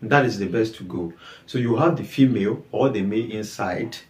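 A man's voice: on the low side, normal speed, a little mellow. A young man with a Nigerian English accent, explaining livestock farming to the camera and asking his viewers many repeated, emphatic questions. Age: young adult. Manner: repetitive questions, emphatic, gestures with hands. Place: small indoor room with bare walls. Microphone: camera at medium distance. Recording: echoey room.

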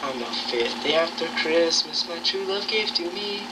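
A woman singing a silly parody carol in a giggly, drawn-out way, heard on an old home VHS tape recording. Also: on the low side, animated, very noisy.

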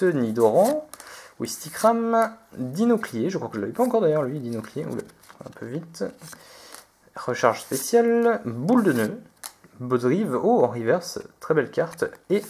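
A man hosting a relaxed card-pack opening video, chatty and hesitant, reading out each card name as he goes. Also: fairly high pitch, breathy edge. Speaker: video host opening trading card packs. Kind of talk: relaxed unboxing commentary.

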